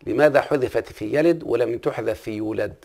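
This classical Arabic grammar lesson comes from a man with an Egyptian accent who frequently checks in on his listener with questions. He talks a little fast in a medium-pitched, slightly mellow voice.

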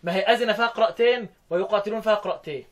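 A man with an Egyptian Arabic accent teaching Quran readings, quizzing his student and repeating each answer. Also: high-pitched. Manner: quizzing, repeats answers, drills phrases slowly. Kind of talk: teaching the variant readings with call and response.

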